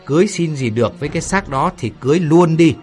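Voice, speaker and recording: A man voicing a hot-tempered older woman, a rich silk merchant's wife who yells and scolds. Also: expressive, brisk, faint music behind, natural voice. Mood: furious. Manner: shrill, yelling and scolding.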